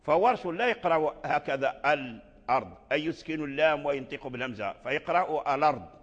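A man's voice: on the high side, expressive, fairly bright tone. Man teaching in an echoey hall. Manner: repeats words aloud to demonstrate pronunciation; deliberate explaining, with restarts. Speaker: sheikh teaching recitation. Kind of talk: lesson explaining a recitation poem. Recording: echoey hall, dull lo-fi sound.

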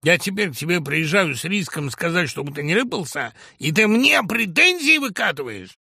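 A man reading an audiobook, voicing a loud, hysterical middle-aged male producer who rants and bullies. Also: medium pitch, big pitch swings, takes it slowly, breathy edge, no echo, clean studio sound, heavily acted. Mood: ranting furious. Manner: ranting, shouting, bullying.

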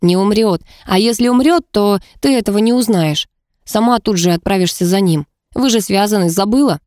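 A woman's voice: mid-range voice, moderate pace, darkish tone, no room sound, clean studio sound, close to an everyday voice. A woman reading an audiobook, voicing a small, mocking male pixie who scolds and teases. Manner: scolding, teasing. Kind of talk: audiobook narration.

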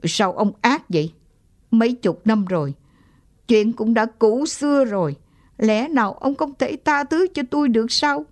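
A woman's voice: on the high side, measured pace, darkish tone, no echo, voice pushed up. A tearful old grandmother in an audiobook story, her raised voice pleading and catching with sobs, voiced by a woman narrator. She sounds worn and heartbroken, reproaching the one she loves. The reading is close and dry. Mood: reproachful. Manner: pleading, choked with tears.

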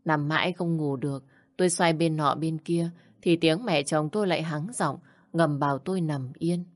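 A woman's voice: low voice, normal speed. A woman narrating a first-person audio story in a plain, sorrowful way.

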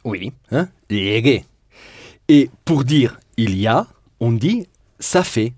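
A man's voice: mid-range voice, big pitch swings, slow pace, a little mellow, slightly rough, no room sound, studio quality. A man teaching a Spanish lesson in French, patiently drilling verb endings and repeating students' answers. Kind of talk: language lesson drilling conjugations.

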